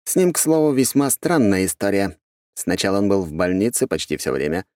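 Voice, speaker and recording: A man narrating puts on a brisk, loyal investigator with a swinging, animated voice. He leans hard on his words and stays loyal but blunt. The sound is dry and close. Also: low voice, no room sound. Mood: puzzled. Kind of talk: audiobook character voice.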